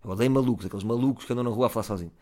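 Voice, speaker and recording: A man with a European Portuguese accent telling a comic story, animated, swinging between loud and low. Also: rapid-fire.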